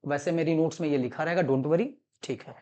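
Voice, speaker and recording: A man's voice: fairly high pitch, a little fast, warm tone. Repetitive male teacher lecturing students. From Allahabad, India. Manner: repeats points and calls students "beta"; mixes English terms into Hindi explanations. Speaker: commerce teacher. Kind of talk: classroom-style lecture.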